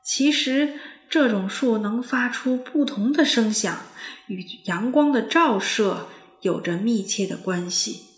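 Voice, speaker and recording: A woman's voice: a little high, takes it slowly, echoey room. A woman voicing a kindly old grandpa goat who explains things patiently in a children's story. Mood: explaining.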